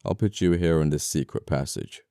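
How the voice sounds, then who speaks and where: An actor's very low, gravelly voice carries this audio roleplay of a gentleman killer who is flirty and apologetic despite being amoral, threatening his captive with unhurried, wry manners. Recorded close and dry, the sound is dark. The mood is a calm threat.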